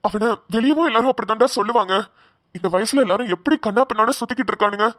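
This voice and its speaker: Woman voicing a bewildered, patient cartoon father, bright, dry close sound. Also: a little high, rapid-fire, no echo. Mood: puzzled. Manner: puzzled, placating. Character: patient bewildered middle-aged father, male. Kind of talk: cartoon voice acting.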